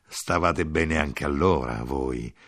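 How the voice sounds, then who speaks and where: A man's voice: rumbling low, slow, a bit bright, no echo, clean studio sound, pitched below the performer's own voice, full character voice. A man voicing a poor, desperate little Sicilian man who pleads and keeps repeating himself, in an audiobook reading. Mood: pleading. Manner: pleading, insistent repetition.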